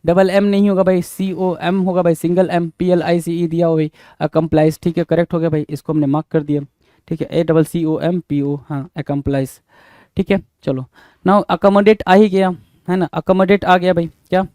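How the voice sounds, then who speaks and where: Male tutor, higher voice with a mellow tone, spells words slowly and repeats them, recorded dry and close. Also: steady tone, no echo. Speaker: teacher. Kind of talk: exam-prep spelling lesson.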